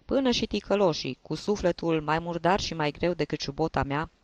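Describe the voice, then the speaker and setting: A man's voice: on the high side, no echo, highs cut off, lightly acted. A man doing a tipsy, grandiloquent old tenor. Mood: nostalgic. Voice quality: reedy tenor voice. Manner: rambling, grandiloquent and sentimental. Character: tipsy old male journalist giving toasts.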